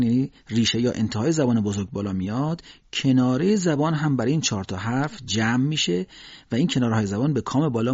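A man's voice: mid-range voice, darkish tone, slightly rough, no echo. A man teaching Quran recitation, explaining letter sounds patiently with frequent hesitations. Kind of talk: spoken lesson with slow recited examples. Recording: dull, dry lo-fi recording.

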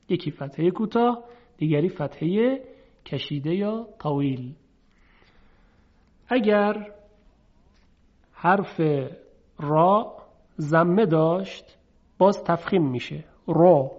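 A man teaching a recitation lesson, patiently explaining step by step and sounding out example letters by drawing them out. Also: on the high side. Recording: dull lo-fi recording.

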